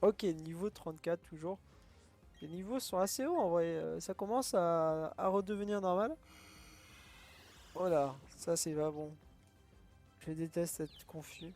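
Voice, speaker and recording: A man's voice: a little high, a little slow, pauses often, a little mellow, soft background music. A man doing casual let's play commentary, thinking aloud, often laughing. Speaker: gaming youtuber.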